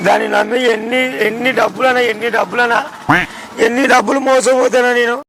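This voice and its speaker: A man's voice: very high-pitched, steady tone, fairly quick, vocal fry, music in the background. A young man pulling a prank, playing a heartbroken guy and pleading with repeated questions, recorded outdoors on a street. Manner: pleading, keeps asking questions, repeats himself.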